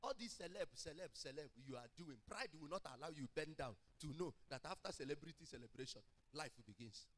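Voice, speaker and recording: A male pastor preaching a sermon, emphatic, repeating key phrases and swinging between loud and hushed. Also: fairly high pitch, rough recording.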